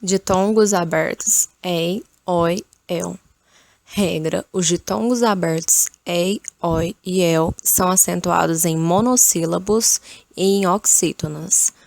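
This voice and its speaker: Low, gravelly woman teaching rules. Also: no echo. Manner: slow, steady reading of rules and examples. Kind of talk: explaining spelling rules.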